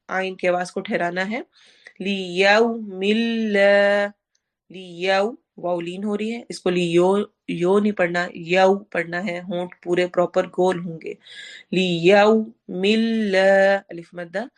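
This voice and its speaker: A woman teaching a tajweed lesson. She explains rules step by step, drags out recited words syllable by syllable, and puts questions to the class that she then answers herself. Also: lowish voice.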